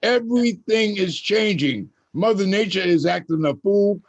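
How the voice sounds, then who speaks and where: A man's voice: sits high, normal speed, highs cut off. An older man hosting an open mic, telling stories in an earthy, emphatic way to a group. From USA. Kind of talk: casual group talk.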